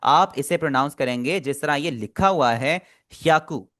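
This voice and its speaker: A man's voice: fairly high pitch, normal speed, fairly bright tone. A man teaching an online language class, patiently repeating and explaining pronunciation step by step.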